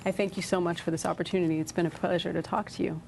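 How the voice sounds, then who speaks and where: A woman's voice: fairly low pitch, steady tone, very fast, vocal fry, darkish tone, a little hiss or hum. A woman guest politely thanking the host at the end of a TV interview.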